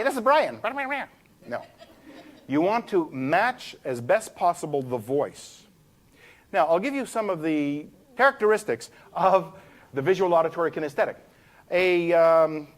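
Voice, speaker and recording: Male trainer, lively pitch, fairly high voice, live seminar room. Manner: animated, demonstrates voices while explaining.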